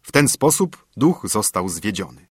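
A man reading a fairy tale aloud with a husky voice, letting the pitch rise and fall freely as he tells it. The recording is dry and close, with no room sound. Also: a little slow, no room sound. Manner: expressive, lively reading. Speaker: narrator. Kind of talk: storybook narration.

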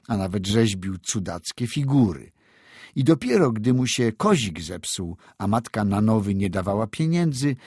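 A man narrating a classic short story aloud in a measured storytelling manner. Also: on the low side, a little mellow, no echo, studio quality. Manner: measured storytelling with acted dialogue. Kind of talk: audiobook reading of classic prose.

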